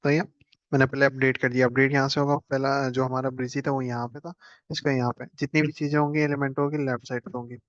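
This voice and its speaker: A man's voice: medium pitch, flat delivery, fast, no echo, dull audio. A man teaching a casual screen-share computer lesson, chatting and joking as he clicks through steps. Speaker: instructor.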